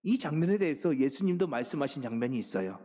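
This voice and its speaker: A man preaching a sermon as senior pastor, swinging from hushed pleading to loud, emphatic exhortation. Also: mid-range voice, big pitch swings, fast. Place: church sanctuary. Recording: long reverb of a church sanctuary.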